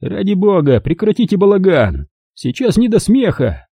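A man's voice: high voice, huge pitch swings, normal speed, mellow, husky, no echo, clean studio sound, pitched above the performer's own voice, full character voice. A man reading an audiobook, voicing a nervous, flustered old male congressman. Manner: flustered, muttering. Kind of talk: audiobook character voice.

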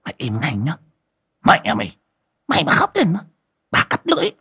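A man's voice: fairly high pitch, huge pitch swings, brisk, vocal fry, sharp tone, husky, pitched above the performer's own voice, full character voice. A man voicing a cruel young stepmother, screeching and wailing melodramatically in a spoken folk horror story. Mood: vicious.

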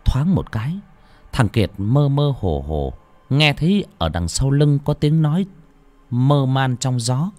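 A man narrating a story, with a dramatic, expressive reading. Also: medium pitch, a little slow, dry recording. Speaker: audiobook narrator.

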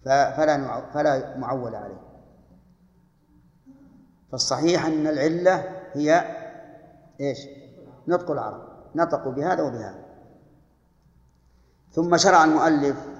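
A man's voice: mid-range voice, darkish tone. An older man teaching a grammar lesson, reciting lines of verse and putting questions to his students before he answers them. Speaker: scholar teaching Arabic grammar. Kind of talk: classroom lesson explaining verse. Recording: echoey hall, dull lo-fi archive tape.

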